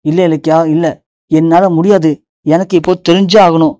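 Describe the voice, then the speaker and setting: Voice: medium pitch, fairly even intonation, normal speed, dark tone, dry recording, clean studio sound, natural voice. A narrator voicing a desperate young man pleading to learn who his father is. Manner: pleading, insistent.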